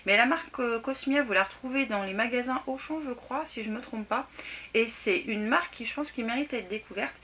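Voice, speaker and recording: A woman's voice: on the high side, heavy background noise. A middle-aged woman chatting casually to camera about a craft haul, laughing at herself and filling with lots of little hesitations. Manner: chatty, laughing, self-mocking, lots of fillers. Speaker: craft vlogger. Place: home room near a table.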